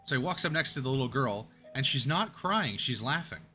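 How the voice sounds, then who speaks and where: Bright-voiced man rambling through a joke. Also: mid-range voice, animated, a little fast, faint music behind. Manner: rambling storyteller with restarts and chuckles. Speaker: game streamer. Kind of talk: casual live-stream chat and joke telling.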